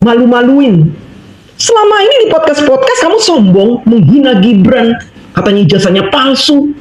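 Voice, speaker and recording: A woman rants in a scornful, accusatory monologue, firing off mocking questions one after another. Her voice sits high and carries a noticeable echo from the room around her. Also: sing-song, moderate pace. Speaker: housewife commentator. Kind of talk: angry monologue rant. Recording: echoey room.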